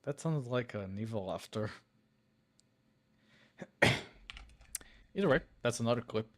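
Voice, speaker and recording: A man hosting a coding stream who talks to his chat in an unhurried, easygoing way. He chuckles often and lets sentences trail off while he clicks around. His speech is slow and laid back. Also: medium pitch, animated, fairly bright tone. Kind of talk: relaxed live-stream chat.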